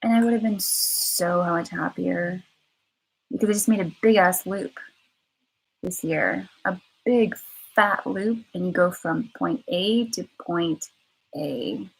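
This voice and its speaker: A woman vlogger talks candidly and emotionally in a casual live-stream monologue, rambling and repeating herself with plenty of fillers. Her voice is low and slow, with vocal fry and a breathy edge. The recording quality is poor.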